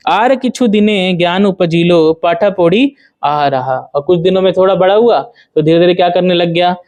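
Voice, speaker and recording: A man giving a devotional lecture, asking rhetorical questions and chanting verses slowly. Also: fairly high pitch, darkish tone. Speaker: spiritual teacher.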